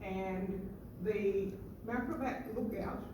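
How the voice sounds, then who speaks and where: Older woman speaking over an echoey PA. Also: medium pitch. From Australia. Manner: unhurried, hesitant with many fillers. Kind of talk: public address at a community event. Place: outdoor gardens event. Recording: echoey PA sound from a distance, background noise.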